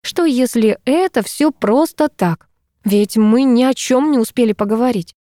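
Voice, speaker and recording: A woman narrating a first-person audiobook in a lively, expressive way. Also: fairly high pitch, measured pace, no room sound, clean studio sound.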